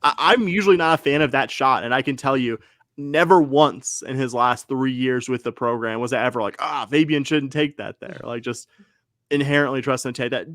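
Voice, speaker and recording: A man's voice: medium pitch, brisk, a bit bright, dry recording. Casting note: male podcast co-host, casual rambling delivery, dry close sound. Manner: rambling, frequent fillers and self-corrections. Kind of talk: casual sports podcast chat.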